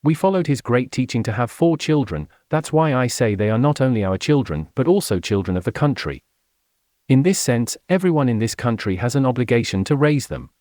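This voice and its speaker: A man voicing a stern father who argues emphatically and grows louder, in an audiobook. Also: mid-range voice, lively intonation, fairly quick, no echo, clean studio sound, voice pushed up, lightly acted. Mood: emphatic. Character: thin, stern adult father, a government worker.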